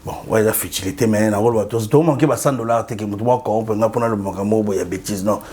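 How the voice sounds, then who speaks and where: This Congolese man has a lowish, slightly rough voice and talks fast, with a Congolese French accent. As an interview guest he is animated and repetitive, mixing French and Lingala in relaxed conversation. The microphone is a studio one.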